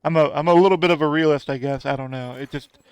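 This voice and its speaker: A man's voice: fairly high pitch, fairly even intonation, fast talker, clear, resonant tone, muffled recording. A man live-streaming a game, chatting casually to his viewers, rambling and laughing often. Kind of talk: casual live-stream chat while gaming.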